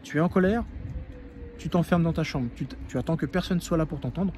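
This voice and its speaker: A man's voice: on the high side, a little fast, a little mellow, soft background music. A man coaching the viewer directly, earnest and repeating key phrases for emphasis. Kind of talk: advice monologue to the viewer.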